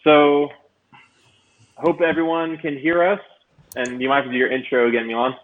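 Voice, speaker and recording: A man's voice: fairly high pitch, little pitch movement, moderate pace. A man hosts an online stream, his speech loose and chatty. His voice comes through a robotic, metallic-sounding mic, thin and phone-like over the call. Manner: loose and chatty, many fillers. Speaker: livestream host. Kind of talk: casual livestream hosting. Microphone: computer mic on a video call.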